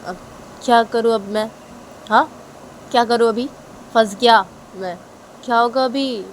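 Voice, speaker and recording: A woman's voice: high voice, moderate pace, a little hiss or hum, pitched above the performer's own voice, natural voice. A woman voicing a panicked guilty man who keeps begging for forgiveness in a whiny, repetitive way. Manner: whiny, begging, repeats sorry and please.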